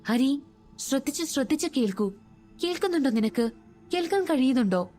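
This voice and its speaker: A woman voicing a calm, middle-aged male ghost investigator who explains things in a measured way, in a storybook reading. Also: high-pitched, faint music behind. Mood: earnest, explaining.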